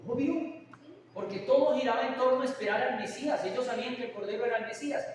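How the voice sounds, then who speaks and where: Preaching in a church hall, a man with an extremely high-pitched voice talks quickly and keeps putting questions to the congregation. He's recorded from a distance in the echoey hall, with a faint hiss.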